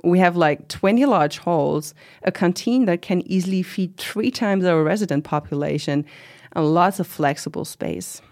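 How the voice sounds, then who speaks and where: Actress as middle-aged commune organizer lady, lowish voice, casual n reflective, telling her life story in an audio drama. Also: moderate pace, darkish tone, lightly acted. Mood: proud, explanatory. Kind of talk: conversational oral-history interview acting.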